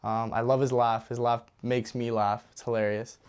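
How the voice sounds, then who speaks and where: A young man from Ontario, speaking warmly about his friends in a documentary interview. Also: medium pitch, little pitch movement, moderate pace, heavy background noise. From Ontario, Canada. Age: young adult.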